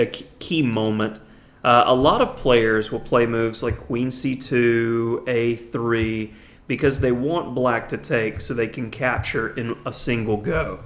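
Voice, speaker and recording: A man teaching chess, talking through a classic game move by move. His voice sits at a middle pitch, and he draws out the words he wants to stress with open enthusiasm. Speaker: chess instructor. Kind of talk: narrated chess game analysis.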